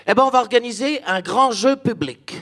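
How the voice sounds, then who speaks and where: A man's voice: very high-pitched, moderate pace, fairly bright tone. A man voicing a pompous dictator in a Belgian French accent, giving a speech with jokey asides.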